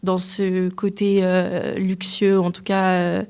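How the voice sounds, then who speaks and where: Male artist played by a woman, improvised radio role-play, flat even delivery, hesitant. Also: lowish voice, takes it slowly, clear, resonant tone. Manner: hesitant, many fillers. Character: male artist Basquiat recalling his past. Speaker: student role-playing an interview.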